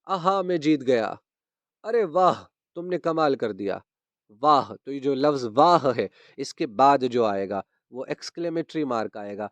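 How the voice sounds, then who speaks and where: A man's voice: mid-range voice, no room sound. A man teaching a grammar lesson, patiently repeating key terms and checking that his students understand. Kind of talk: grammar lesson explaining punctuation.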